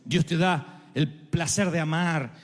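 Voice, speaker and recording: Pastor, high voice, lively dramatic sermon in a big echoing hall with soft music. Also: male voice, slow. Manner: dramatic, acts out quoted voices, humorous asides. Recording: live hall with long reverb, faint music.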